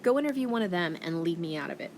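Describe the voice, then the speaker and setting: A woman doing a gruff cranky old man. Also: lowish voice, steady tone, fairly quick, fairly bright tone, slight background noise, lightly acted. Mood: curt. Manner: gruff, bellowing, curt. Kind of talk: audiobook character voice.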